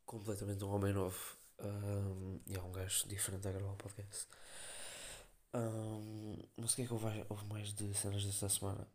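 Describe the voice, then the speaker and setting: A man's voice: lowish voice, completely flat delivery, normal speed, darkish tone. A young man with a European Portuguese accent, rambling in slangy casual chat as a podcast host. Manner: slangy, rambling storytelling with many fillers.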